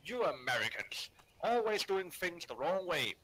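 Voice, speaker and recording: A man putting on a posh British accent to play a pompous, scolding English gentleman. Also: high-pitched, big pitch swings, unhurried, voice pushed up, full character voice, low-quality recording. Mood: haughty. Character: posh, haughty old-fashioned English gentleman.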